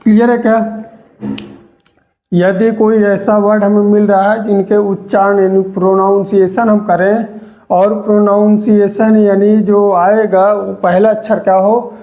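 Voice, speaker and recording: A teacher giving a grammar lesson, repeating key words slowly and checking in with the listener. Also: medium pitch, little pitch movement, mellow. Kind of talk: slow spoken grammar lesson.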